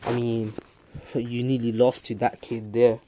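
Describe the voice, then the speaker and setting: A man's voice: mid-range voice, flat delivery, measured pace, warm tone, slight background noise, natural voice. A man voicing a brash, cocky teenage boy ninja, talking blunt and taunting in a fan story. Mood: defiant.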